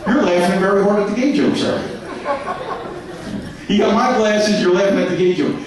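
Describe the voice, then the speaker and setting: A man's voice: high voice, normal speed. A man doing a crude, brash stand-up set on a comedy club stage. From New York. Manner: crude, brash punchlines to a laughing crowd. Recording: echoey club heard from a distance.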